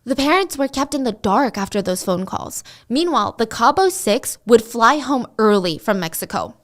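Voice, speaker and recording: A woman tells a story in a relaxed, conversational way while she draws. She breaks off for asides and rhetorical questions, and her voice sits a little high. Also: normal speed. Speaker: commentary host. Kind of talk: casual storytelling while drawing.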